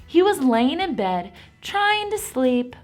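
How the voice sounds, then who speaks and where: An animated, encouraging woman who teaches a Bible lesson to preschool children. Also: high-pitched, slow, faint music behind.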